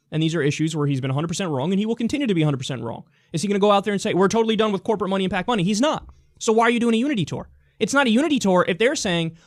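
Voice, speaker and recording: A man's voice: high-pitched, no echo, studio quality. A man hosting a political commentary show, delivering a heated, blunt, profane solo rant.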